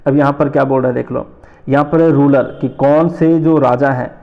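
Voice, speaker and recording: A man from North India teaching an exam-prep lesson, explaining slowly, repeating terms and asking rhetorical questions. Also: medium pitch, steady tone, creaky, muffled recording.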